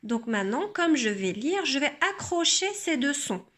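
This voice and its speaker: A woman teacher calmly explaining a reading method, sounding out syllables slowly and carefully. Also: high-pitched. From France. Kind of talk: instructional demonstration.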